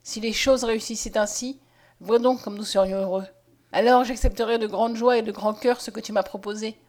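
A woman voicing a gentle, weary young man with weak eyesight who speaks earnestly. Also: on the high side, steady tone, a little fast, natural voice. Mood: hopeful. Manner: earnest, pleading.

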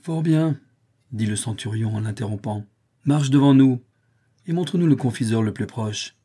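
A man's voice: on the low side, normal speed, slightly rough. A man voicing a menacing, mocking male centurion in a storybook reading, barking orders. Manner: commanding, loud.

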